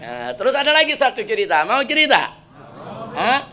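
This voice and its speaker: Lively storytelling preacher; high, bright voice. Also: male voice, moderate pace. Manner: lively storytelling with jokes and audience questions. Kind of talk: sermon.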